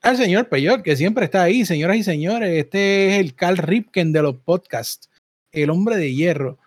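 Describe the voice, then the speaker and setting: A man's voice: high voice, animated, unhurried, dry recording, clean studio sound. A man with a Puerto Rican Spanish accent hosting a podcast in a casual, informal, conversational way. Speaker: podcast host.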